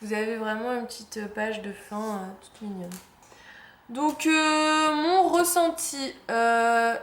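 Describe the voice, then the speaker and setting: Chatty young woman, echoey room. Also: fairly high pitch. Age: young adult. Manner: chatty, fond of small cute details, says "hop" at each page. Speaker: planner vlogger. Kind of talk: casual unboxing commentary. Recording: echoey room with faint noise.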